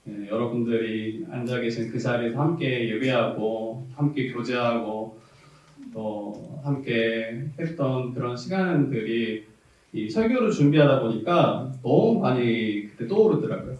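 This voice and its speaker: In a church sanctuary, a male Korean pastor from South Jeolla preaches in the Jeolla dialect, candid and reminiscing, often laughing and building to emphasis. His mid-range voice is animated, measured in pace, and darkish in tone. The far-off recording is very echoey and dull.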